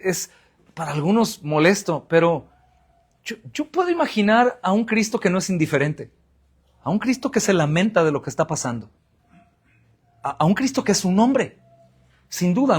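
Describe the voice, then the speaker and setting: Male pastor, Mexican Spanish accent, high-pitched voice, sermon delivery, asks and answers his own questions. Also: expressive, normal speed, breathy edge. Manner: preaching with rhetorical questions and answers; addresses the congregation as brothers.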